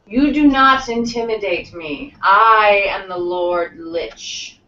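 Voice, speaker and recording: A game master voicing a menacing undead lich lord during a tabletop game. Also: male voice, high-pitched, takes it slowly, bright, forceful tone, roomy sound, recorded from a distance, muffled recording, full character voice.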